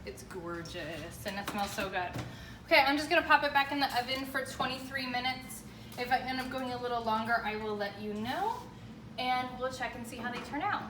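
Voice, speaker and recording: A chatty woman with a fairly high voice walks viewers through baking in an informal, upbeat style. She is recorded in an echoey kitchen, a little away from the mic, with clear noise around her. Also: fairly quick, far from the mic. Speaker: home baking show host. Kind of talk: casual baking demonstration. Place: indoor home kitchen.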